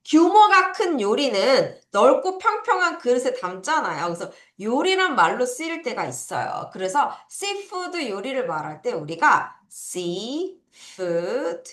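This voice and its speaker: A woman English teacher giving an online vocabulary lesson for children, drilling words slowly and having students repeat after her. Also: fairly high pitch. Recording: echoey room.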